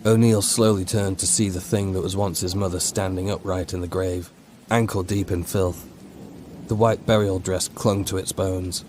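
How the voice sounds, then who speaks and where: A man narrates a horror audiobook in a very low, darkish voice. He reads in a measured, dramatic way, and faint noise sits behind the recording.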